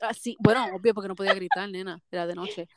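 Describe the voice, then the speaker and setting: Una mujer con acento puertorriqueño que cuenta anécdotas en charla casual, directa y animada, mezclando frases en inglés. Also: female voice, mid-range voice, fast talker, no echo. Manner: blunt, animated storyteller, mixes English phrases. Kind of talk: casual chat.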